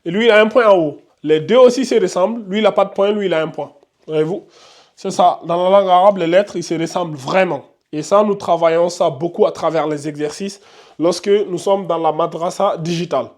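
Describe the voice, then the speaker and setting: Patient teacher, higher-pitched man. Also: brisk, a little mellow. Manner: repetitive, patient, thinks aloud with fillers. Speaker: Arabic and Quran reading teacher. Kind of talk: online lesson, writing on a board while explaining.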